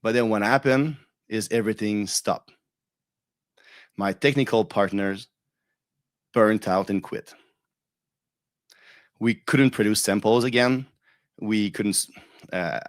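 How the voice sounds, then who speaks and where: A man's voice: on the low side, dry recording. A man with a French Canadian accent giving a live online talk, his voice a little shaky from a cold, telling a story earnestly with fillers and restarts. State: recovering from a cold, voice a bit shaky. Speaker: guest speaker.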